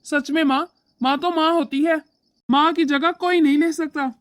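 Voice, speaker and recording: A woman voicing a young husband in an animated family story, lecturing his wife and doting on his mother. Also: sits high, moderate pace, dry recording, clean studio sound, natural voice. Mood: scolding. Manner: scolding, lecturing. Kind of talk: animated moral story voice acting.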